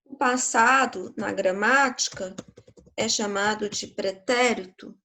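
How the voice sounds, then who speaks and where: A woman's voice: mid-range voice, slow, bright, forceful tone. A woman teacher with a Brazilian Portuguese accent, giving a grammar lesson to schoolchildren in a patient, explanatory way, often checking in with the class.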